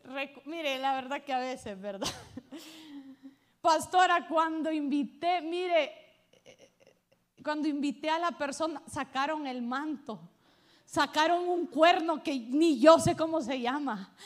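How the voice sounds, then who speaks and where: A woman pastor, preaching a sermon to her church, swinging between loud calls to the congregation and hushed asides. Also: sits high, slow.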